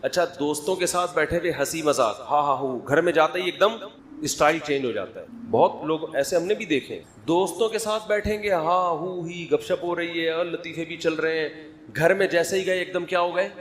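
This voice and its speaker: A middle-aged man delivers a sermon in a chatty, humorous way. He keeps prodding his listeners for answers, and his voice sits a little high for a man. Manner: conversational, humorous, prods the audience for answers. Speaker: religious scholar.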